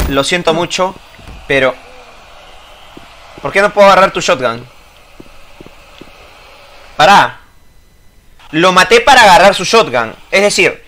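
A man doing loud let's-play commentary, swearing, yelping and ranting at the game. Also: high-pitched, noisy background. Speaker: gaming YouTuber.

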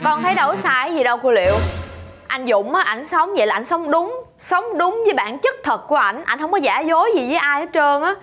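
A woman's voice: high voice, very animated, brisk, fairly bright tone, faint music behind. A young actress playing an outspoken, earnest young woman explaining her view. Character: young city woman, outspoken and open-minded. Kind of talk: TV family drama acting.

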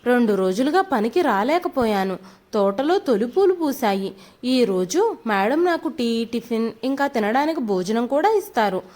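A woman's voice: on the high side, very animated, normal speed, darkish tone. A woman reading as a timid, pleading old man. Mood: hopeful. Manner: humble, apologetic pleading. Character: poor elderly man, timid and pleading worker.

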